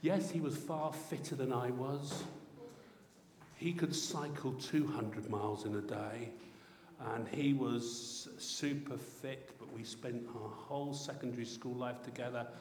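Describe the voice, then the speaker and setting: A middle-aged man from England preaching a sermon, swinging between loud excitement and soft, reflective passages. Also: medium pitch, measured pace, a little hiss or hum. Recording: roomy hall echo heard from a distance.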